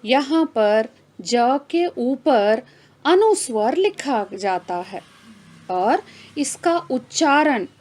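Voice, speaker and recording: A woman teaching young pupils, speaking at a very slow, deliberate pace in a slightly high voice. She stretches out each example word and repeats it, slipping in English terms to explain. She asks the class questions and answers them herself. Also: animated, darkish tone. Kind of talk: online Hindi grammar lesson for children.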